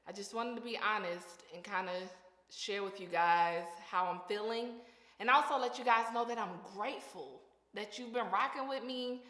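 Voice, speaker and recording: A young woman with a lisp talks to her viewers in a casual, earnest way, full of slang and emphatic repeats. Her voice sits at a middling pitch. The room is roomy, and a long reverb trails each phrase. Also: fairly bright tone. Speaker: vlogger. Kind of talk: casual faith-based encouragement talk.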